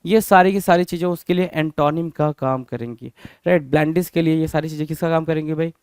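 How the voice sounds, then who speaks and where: A man runs an exam-prep vocabulary lesson, firing rhetorical questions at students and drilling each word. His voice sits high and comes across smooth and resonant. The recording is close and dry. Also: fairly even intonation, brisk, darkish tone, dry recording. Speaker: vocabulary teacher.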